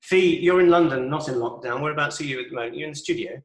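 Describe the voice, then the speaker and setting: A man's voice: fairly high pitch, fast talker. A man hosting an online panel, chatting informally and teasingly as he introduces and questions guests. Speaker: host and moderator of an online panel. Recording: roomy echo on a video call.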